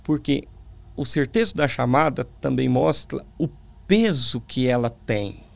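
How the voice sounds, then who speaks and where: Lisping Brazilian man with a creaky voice. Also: mid-range voice, animated, a little slow. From Brazil, small town in the interior. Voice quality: tongue-tied lisp, slurred sibilants. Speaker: preacher, interview guest. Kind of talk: conversational religious testimony.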